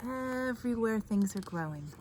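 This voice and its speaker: This teacher-style read-aloud comes from a woman in her thirties in a garden, who expressively emphasizes key words and comments on the pictures for children. She speaks at a moderate pace with a fairly high, slightly mellow voice and lively intonation, over a little background noise.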